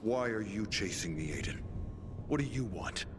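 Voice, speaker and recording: An actor playing a cold, grim middle-aged scientist villain and obsessed father in a video game, speaking in a menacing, deliberate way. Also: fairly low pitch, lively intonation, noisy background, close to an everyday voice. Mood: stern, pressing. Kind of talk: dramatic video game acting. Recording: music behind the voice.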